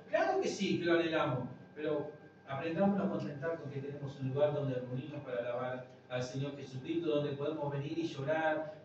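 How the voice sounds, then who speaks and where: An older man preaches to his congregation in a relaxed, chatty sermon, checking in with them again and again. His voice sits a little high and sounds distant, in a very reverberant meeting room. The recording is dull and noisy. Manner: conversational preaching, frequent tag questions to the congregation. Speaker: pastor.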